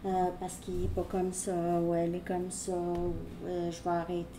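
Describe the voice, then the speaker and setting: A woman's voice: lowish voice, monotone, moderate pace, noisy background. A woman giving a casual tarot reading, rambling as she talks straight to the viewer. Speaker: tarot reader.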